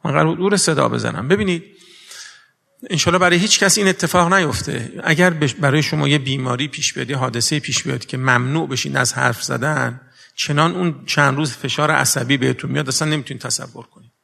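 Gravelly-voiced preacher man in a big hall. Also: medium pitch, pushed and bright. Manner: earnest, full of rhetorical questions, mixing formal and everyday speech. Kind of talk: religious sermon. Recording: long reverb of a large hall.

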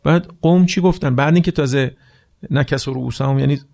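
A man with a gravelly, rough-edged voice delivers a sermon. He moves between telling a story and explaining it, and keeps asking his listeners rhetorical questions. At solemn moments he drops to a hushed, slow voice. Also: medium pitch. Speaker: preacher. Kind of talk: religious sermon mixing story retelling and explanation.

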